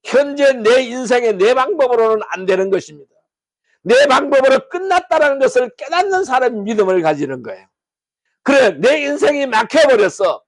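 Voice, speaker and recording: A man's voice: very high voice, sing-song, fairly quick, no room sound. A man preaching a sermon as pastor, putting rhetorical questions to the congregation.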